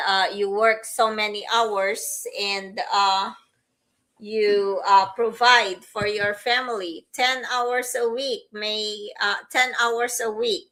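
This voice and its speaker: A woman's voice: medium pitch, sharp tone, poor audio. A middle-aged woman from the Philippines co-hosting a casual podcast chat, hesitant and full of fillers and laughs. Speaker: co-host, teacher.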